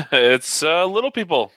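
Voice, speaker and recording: Male panelist, forceful bright tone, dry recording, casual blunt banter with tongue-in-cheek delivery. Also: fairly high pitch, very animated, slow, dry recording. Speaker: podcast panelist.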